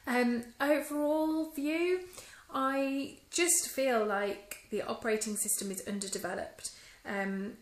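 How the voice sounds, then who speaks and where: Speaking slowly with few pauses, a woman reviews a phone in a casual vlog, talking into it at arm's length. Her fairly high voice is chatty, dotted with ums, and mildly disappointed, and the low-quality recording carries room echo.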